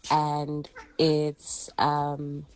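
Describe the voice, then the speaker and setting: A woman with a low, level voice speaks in a voice note played on air. She talks slowly and casually, with easygoing, halting guesses. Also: completely flat delivery, darkish tone, clean tone. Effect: voice note played over the radio. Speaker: listener sending a voice note to a radio show. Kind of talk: casual chat.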